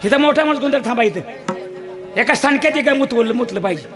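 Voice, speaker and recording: A man performs a comic folk sermon to a live audience, preaching loudly and scolding the crowd. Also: very high-pitched, animated, fast, music in the background.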